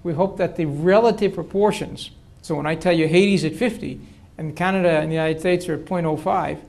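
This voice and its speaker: A man's voice: on the high side, steady tone, a little fast, vocal fry, a little mellow. An older man, a political science professor, answering audience questions at length in a lecture hall, with frequent restarts. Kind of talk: university lecture Q&A.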